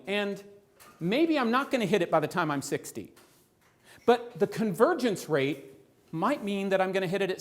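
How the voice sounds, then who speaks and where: Addressing a live audience in a room, a high-voiced man lays out financial ideas with lively energy, frequently posing rhetorical questions to the crowd.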